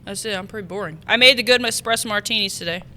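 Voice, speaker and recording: Animated young woman, bright and crisp. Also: medium pitch, very fast, slight background noise. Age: 20s. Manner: animated, swears casually. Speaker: guest. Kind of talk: casual chat.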